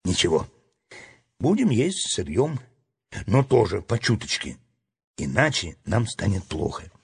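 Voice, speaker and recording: A man voicing a resourceful young boy in a read-aloud storybook, eager and quick to scold himself. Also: lowish voice, very animated, vocal fry, breathy edge, pitched below the performer's own voice, full character voice. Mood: reassuring.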